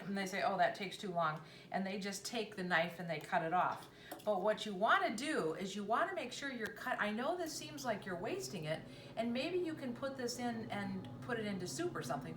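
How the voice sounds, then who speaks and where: A woman's voice: mid-range voice, fairly bright tone, a little hiss or hum. A woman hosting a casual home cooking demonstration, chatting enthusiastically and speaking directly to her viewers. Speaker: cooking show host. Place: home kitchen. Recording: roomy echo, mic at a distance, faint ambience.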